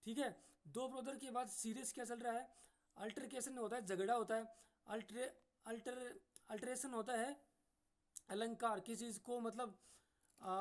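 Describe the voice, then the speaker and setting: A man teaching an exam-prep English lesson who explains patiently, often says "ठीक है", and restarts words mid-way. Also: very high voice. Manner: reads English sentences out very slowly.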